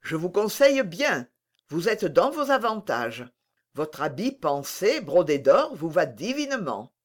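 A reader voicing a scheming, flattering courtier in an audiobook, smooth and coaxing. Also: medium pitch, unhurried. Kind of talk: audiobook character reading.

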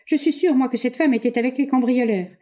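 A woman's voice: sits high, quick pace, dark tone, pitched above the performer's own voice, natural voice. A woman reading aloud, voicing a polite, earnest hunchbacked man who explains himself courteously.

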